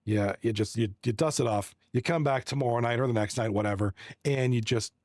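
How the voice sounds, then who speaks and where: The recording is studio quality with no room sound, and the man's mid-range voice is a little fast with a darkish tone. He's a friendly, rambling esports hockey commentator from Toronto, Canada, chatting on a livestream. He reads chat aloud and works through stats, frequently starting over.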